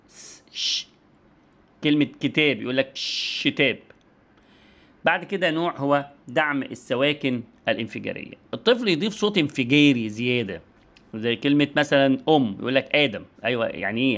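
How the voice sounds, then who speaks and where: A man's voice: medium pitch, a bit bright. A man with an Egyptian Arabic accent giving an online lecture and demonstrating speech sounds as he explains.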